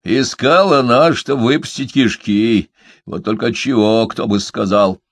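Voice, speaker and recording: A man voicing a gruff male dwarf warrior who grumbles sardonically. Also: mid-range voice, unhurried, no echo. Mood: grumbling.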